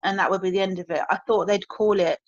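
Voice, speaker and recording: A woman's voice: mid-range voice, steady tone, fast talker, no echo. A woman, speaking as a guest and telling a personal story candidly and reflectively, often searching for her words. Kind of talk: emotional personal story in conversation. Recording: dry, slightly dull lo-fi audio.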